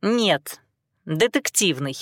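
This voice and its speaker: A woman's voice: on the low side, animated, takes it slowly, no echo, studio quality. A woman voicing a predatory young woman who asks sly, probing questions.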